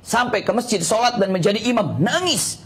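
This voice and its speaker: Preacher guy, sermon to a study group, voice jumps all over, repeats words a lot, throws in arabic. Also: moderate pace. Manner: animated, repeats words for emphasis, pitch swings up and down; mixes in Arabic phrases. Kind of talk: Islamic sermon to a study circle.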